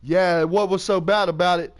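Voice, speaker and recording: A man's voice: sits high, steady tone, moderate pace. A man in his early forties, chatting casually and rambling, with lots of swearing, while he plays a game. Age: 40s. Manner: rambling, profane, laid-back. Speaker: streamer. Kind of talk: casual chat while gaming.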